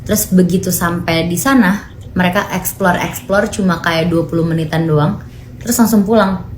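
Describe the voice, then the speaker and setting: A woman's voice: fairly low pitch, fairly even intonation, normal speed. A young woman chattily telling a ghost story as co-host. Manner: chatty, conversational. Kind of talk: casual horror storytelling. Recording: roomy echo with faint noise.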